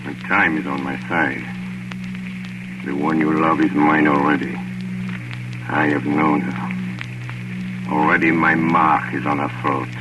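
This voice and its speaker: An actor playing an ancient vampire count, menacing and commanding, with slow, ominous delivery in old radio drama style. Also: male voice, rumbling low, level tone, over loud music. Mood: gloating menace. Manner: slow, deliberate, ominous incantation. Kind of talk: 1930s radio drama acting. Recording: muffled, noisy vintage radio recording.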